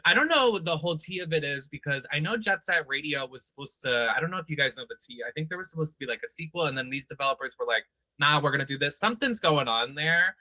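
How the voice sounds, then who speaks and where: A man hosts a laid-back gaming panel, chatty and full of slang and playful asides. His voice is strikingly bright, a little higher than most men's, and the sound is close and dry. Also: expressive, fast, few pauses, no echo. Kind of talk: casual chat.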